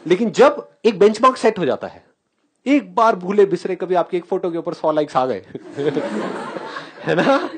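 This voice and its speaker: A man speaks to a live audience in a fairly high voice that swoops up and down with energy. He keeps firing questions at his listeners and breaks into laughter often. He slips English phrases into Hindi as he teaches. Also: animated, unhurried, noisy background. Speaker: spiritual speaker.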